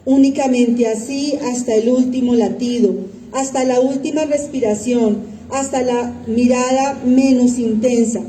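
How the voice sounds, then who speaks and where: A woman giving a solemn, deliberate devotional reading as a liturgical reader. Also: on the high side, steady tone, warm tone, slight background noise. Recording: echoey hall, distant mic.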